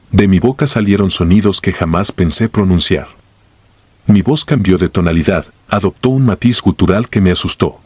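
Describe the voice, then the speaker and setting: A man with a deep, husky voice tells a first-person horror story in a grave, steady scripted narration. The sound is dry and close, with no room around it. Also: no echo.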